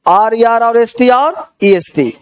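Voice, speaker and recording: Teacher, male, high-pitched, Indian accent, coaxing classroom delivery that keeps checking for understanding. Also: takes it slowly, smooth. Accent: Indian English words in Hindi. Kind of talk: classroom grammar lesson.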